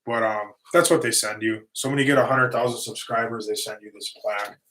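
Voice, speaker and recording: Steady in tone, brisk and slightly bright, this middle-aged man's mid-range voice comes through a low-quality recording with a bit of background noise. He hosts a livestream for his lawn and concrete business, loosely answering viewers' questions with rambling restarts and fillers as his voice wears down.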